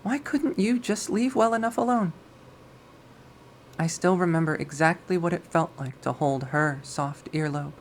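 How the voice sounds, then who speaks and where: In a dramatic readthrough of a dark visual novel, a reader voices a possessive young woman, narrating in a measured, wistful tone that turns obsessive and coldly cruel. The pitch is middling, the acting light, and the mood possessive and menacing, with faint noise in the recording.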